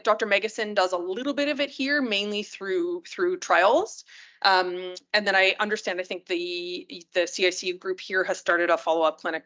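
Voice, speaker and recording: A woman's voice: on the low side, sharp tone. A woman critical care physician giving a hospital rounds lecture in a conversational way, often checking in with her listeners. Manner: many fillers and restarts.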